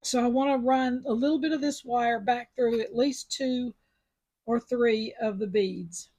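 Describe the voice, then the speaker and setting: Husky woman doing a chatty beading tutorial, kinda high voice. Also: fairly even intonation, unhurried, warm tone. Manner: chatty, step-by-step instructions. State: sucking a mint after coughing. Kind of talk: casual craft tutorial.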